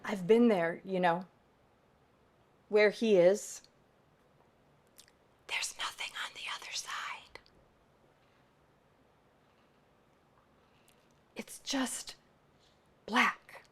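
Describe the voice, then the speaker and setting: A woman voicing a tired, blunt unhoused woman, who speaks quietly and sometimes drops to a whisper. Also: medium pitch, steady tone, slow pace, pauses often, lightly acted. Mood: hushed.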